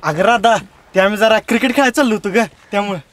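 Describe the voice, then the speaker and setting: A man's voice: sits high, fast talker, a bit bright, slight background noise. Man playing a dismissive village friend.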